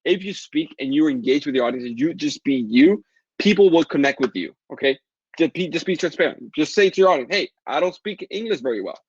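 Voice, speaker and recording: Caribbean guy w spanish accent doing a fast webinar sales pitch, kinda husky, dull dry audio. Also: no room sound. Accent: Latin American Spanish. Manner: fast, upbeat sales pitch answering chat questions. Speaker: online course seller hosting a webinar. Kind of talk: live webinar Q&A.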